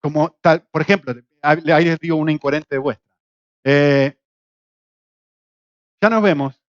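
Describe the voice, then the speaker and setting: A middle-aged man from Argentina with an Argentine Spanish accent, teaching a Bible class in a lively way, with rhetorical questions and jokes. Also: high-pitched, dry recording. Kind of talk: church class lecture. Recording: dull, lo-fi, dry sound.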